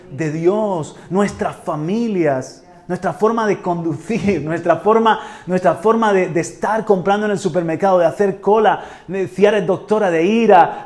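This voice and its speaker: High-voiced man preaching in echoey hall. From Spain, Murcia. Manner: animated preaching, builds to loud exclamations. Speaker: pastor. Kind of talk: sermon.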